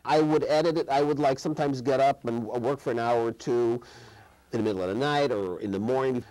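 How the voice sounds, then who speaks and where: A man's voice: medium pitch, fairly quick, a little mellow, poor audio. A man in his fifties from Chicago, a guest filmmaker in a studio interview, speaking thoughtfully with frequent restarts and trailing phrases. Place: TV studio set.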